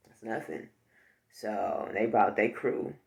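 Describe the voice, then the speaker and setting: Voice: mid-range voice, slow pace, gravelly. A vlogger talking casually to the viewer, rambling and joking, with frequent asides. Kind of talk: casual chat.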